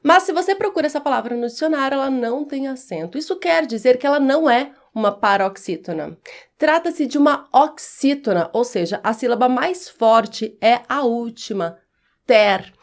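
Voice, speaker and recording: A woman teaching Portuguese pronunciation in a video lesson, speaking clearly and quizzing the viewer. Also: high-pitched, expressive, normal speed.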